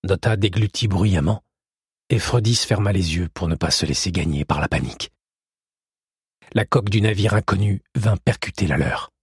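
A man narrating a historical adventure audiobook in a steady, measured storytelling manner. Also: low-pitched, slightly rough, dry recording, studio quality. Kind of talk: scripted narration.

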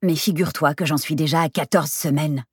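A calm young mother-to-be who speaks slowly and deliberately with gentle teasing, as a woman narrator puts her on. Her voice is low and husky. The reading is close and dry. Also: no room sound.

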